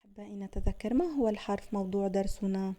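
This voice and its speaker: A woman teacher leads a children's phonics lesson. Her tone is deeply mellow and dark. She sounds each letter slowly and stretches out the sounds, pausing to praise the children. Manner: slow, drawn-out sounding of letters with praise pauses.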